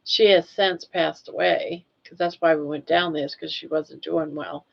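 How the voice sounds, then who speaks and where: On a casual livestream, an older woman from Maine, USA reads the chat aloud, rambling and laughing with ease. Her voice sits low with a steady tone, vocal fry, and a moderate pace. The audio is lo-fi and dull.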